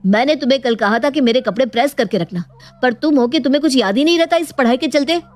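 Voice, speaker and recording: A touchy young cartoon husband who snaps and grumbles, as a woman acts him out. The voice stays fairly high for a man. Soft music plays behind. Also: fast talker, natural voice. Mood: angry. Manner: irritable, complaining. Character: short-tempered young married man, husband.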